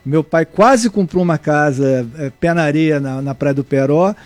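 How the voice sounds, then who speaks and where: A middle-aged man from Brazil, a guest surfer and surf instructor, answering interview questions in a halting way with many restarts. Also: fairly high pitch, a little mellow, no echo. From Brazil (born in Salvador, raised in Niterói). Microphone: remote mic, at first too far away.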